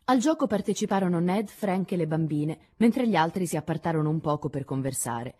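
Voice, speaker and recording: A woman reading a classic novel aloud as an audiobook, calm and measured. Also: fairly low pitch. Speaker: audiobook reader.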